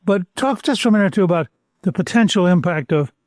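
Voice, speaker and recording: An older man hosting an interview podcast, asking questions in a measured, complimentary way. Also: sits high, lively intonation, a little mellow, no echo, studio quality. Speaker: podcast host. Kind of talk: interview talk.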